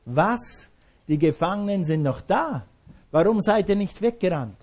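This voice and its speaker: A frightened prison jailer, stunned and out of his depth, blurts one anxious question after another. His voice climbs higher than a normal speaking voice and stays dark in tone, as a preacher acts him out in a sermon. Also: lively intonation, slightly rough, exaggerated voice. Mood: bewildered. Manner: frantic rapid questions. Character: panicked male prison jailer, bewildered.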